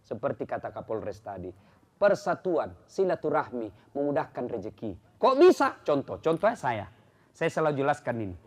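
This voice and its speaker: A man from South Sulawesi, delivering a humorous sermon and acting out little dialogues. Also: moderate pace. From South Sulawesi, Indonesia. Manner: animated, shifts between loud exclaiming and low confiding tones, acts out dialogue. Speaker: preacher.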